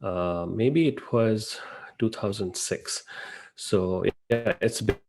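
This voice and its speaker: A man's voice: fairly low pitch, slow pace, noisy background. A man in his thirties who grew up in Dubai, a podcast guest talking casually and rambling with frequent fillers. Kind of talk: podcast interview.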